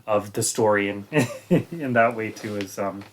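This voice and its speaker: A man's voice: on the low side, measured pace, a little hiss or hum. A man, a stage actor, talking casually in an interview, hesitantly searching for his words.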